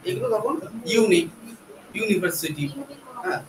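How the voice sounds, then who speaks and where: Male teacher from West Bengal, high bright voice, patient letter-by-letter explainer, recorded from afar in a roomy classroom. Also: moderate pace. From West Bengal, India. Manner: explains patiently, spells words letter by letter, asks rhetorical checks. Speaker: English teacher. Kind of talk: classroom grammar lecture. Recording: echoey classroom from far off, faint background noise.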